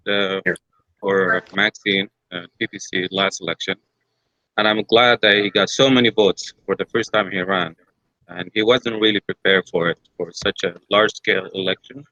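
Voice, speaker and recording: At a public forum, a middle-aged Iraqi man with an Iraqi accent asks a hesitant question from the audience, with many filler sounds and restarts. His voice is fairly low and sharp in tone. The recording is dry and lo-fi.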